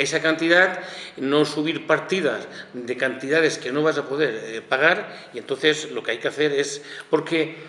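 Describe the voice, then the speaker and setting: A man's voice: fairly high pitch, a bit bright. A man, a town councillor defending the budget at a press conference, emphatic with hesitant fillers. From Spain. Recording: echoey hall with long reverb, faint ambience.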